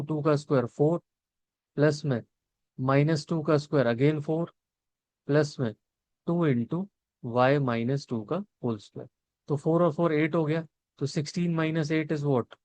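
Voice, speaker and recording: In a fairly high but darkish voice, with no room sound, a young male teacher explains a maths problem step by step. He poses questions to his students and answers them himself, blending Hindi with English.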